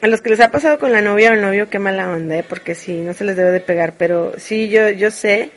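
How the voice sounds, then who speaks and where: A woman's voice: medium pitch, fast. A woman with a Mexican accent chatting casually and frankly to live viewers, joking as she rambles through her confessions. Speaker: streamer.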